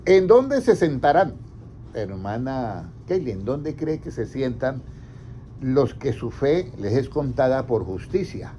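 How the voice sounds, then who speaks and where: Pastor preaching with questions. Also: male voice, mid-range voice, very animated, slow pace, warm tone. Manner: asks the congregation questions and answers himself. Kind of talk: interactive sermon. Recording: slightly dull, faint background noise.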